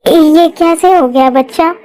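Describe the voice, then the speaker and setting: A woman's voice: very high-pitched, slow pace, warm tone, no room sound. A woman voicing a caring mother in a Hindi fan-dub drama, talking in a soothing motherly manner. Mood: gentle. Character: caring mother of a teenage girl.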